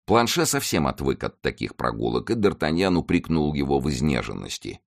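A man narrating an audiobook in an expressive, measured reading. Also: a bass voice, gravelly, no echo, clean studio sound. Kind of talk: scripted narration.

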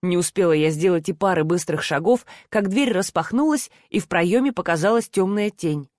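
A woman's voice: on the low side, moderate pace, darkish tone, no room sound. Woman reading a novel aloud, dry sound. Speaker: audiobook narrator. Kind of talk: first-person novel reading.

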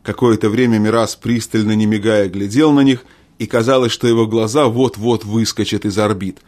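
A man narrating a children's audiobook with a steady, expressive reading. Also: on the low side, moderate pace. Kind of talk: storybook narration.

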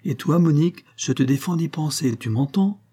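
Blunt old peasant seamstress, severe and curt, voiced by a male reader, pitched up and dark-toned. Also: animated, normal speed, slightly rough. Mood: stern, firm.

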